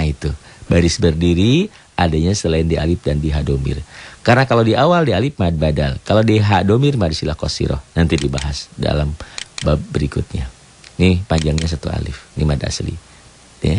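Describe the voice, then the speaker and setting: A man with a very low, gravelly voice teaches Quran reading on a radio program. He explains each rule patiently and step by step. A faint hiss sits under the broadcast. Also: lively intonation, normal speed, a little mellow. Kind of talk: radio tajwid lesson.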